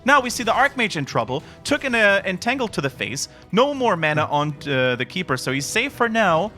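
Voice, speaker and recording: A man with a Dutch accent giving lively live play-by-play commentary on a strategy game. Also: brisk, soft background music. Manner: excited play-by-play, rising pitch at big moments. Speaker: esports caster.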